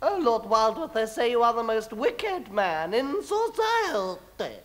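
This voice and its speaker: Stage comedy: grand, gushing society matron, slow and theatrical, hugely varied pitch. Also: female voice, big pitch swings. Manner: theatrical, drawn-out, swooping exclamations. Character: grand, gushing, haughty society lady, a domineering mother. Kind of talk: Wilde parody stage comedy.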